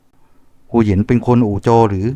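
A man voicing a handsome young nobleman who asks relaxed, smiling questions. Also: lowish voice, normal speed, no echo, lightly acted. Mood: amused.

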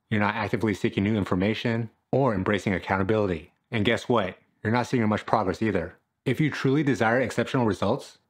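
Brief: fitness coach in his thirties, punchy and jokey, fairly low voice, filmed at home. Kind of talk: scripted talk to camera. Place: small room at home, indoors.

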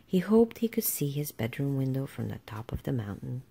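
A woman's voice: rumbling low, big pitch swings, normal speed, vocal fry, dark tone, slightly rough. A woman reading a children's storybook aloud as a narrator. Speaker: storybook reader.

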